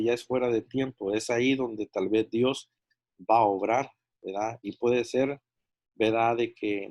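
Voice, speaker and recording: A man teaching a Bible study over a video call. He speaks haltingly, restarts phrases and keeps checking in with his listeners. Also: mid-range voice, no room sound. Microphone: video call microphone.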